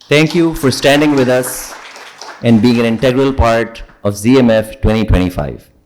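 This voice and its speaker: A man's voice: medium pitch, moderate pace, a little mellow, a little hiss or hum. A young man with a Pakistani accent hosting a ceremony, moving between formal thanks and playful, teasing banter. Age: young adult. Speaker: event host.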